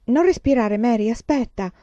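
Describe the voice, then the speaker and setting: A woman reading the part of a lively, practical teenage girl in a storybook, her voice raised and brisker than her narration. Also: fairly high pitch, no room sound, pitched above the performer's own voice, lightly acted. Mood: urgent.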